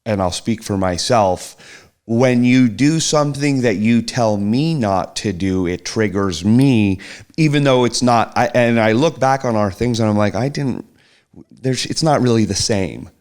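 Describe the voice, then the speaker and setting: In a medium-pitched voice and a little slowly, the host's partner chats casually on the podcast as a guest. This middle-aged man reflects quietly, faltering, starting over frequently, and letting thoughts trail off.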